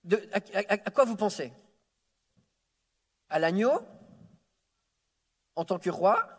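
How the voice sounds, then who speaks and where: With a high voice and lively intonation, a French guest preacher takes his Sunday sermon slowly. He teases himself warmly and often stammers, repeating words as he restarts, in a reverberant church sanctuary.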